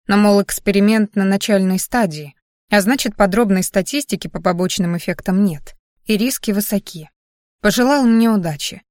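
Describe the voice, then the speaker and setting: A woman narrating a novel in the first person, with even, conversational storytelling. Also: mid-range voice, moderate pace, dry recording, clean studio sound. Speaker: audiobook narrator.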